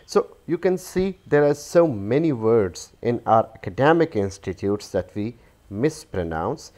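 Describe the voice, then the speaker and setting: A man's voice: mid-range voice, very animated, extremely slow, darkish tone. A middle-aged man, teaching pronunciation and carefully repeating each word several times. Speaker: English teacher. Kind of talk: pronunciation lesson.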